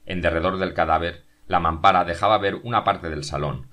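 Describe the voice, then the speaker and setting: Male audiobook narrator, very low voice, steady measured read.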